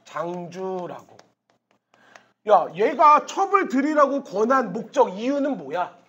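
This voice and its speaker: A male teacher giving a literature lecture, animated and often checking in with his students. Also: high-pitched, unhurried, slightly rough. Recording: dull lo-fi sound.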